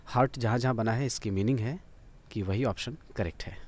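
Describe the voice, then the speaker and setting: Male teacher voice, steady and patient, repeating key words for a vocabulary lesson. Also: medium pitch. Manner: explains slowly, repeats and spells out words. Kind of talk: lesson on vocabulary with memory tricks.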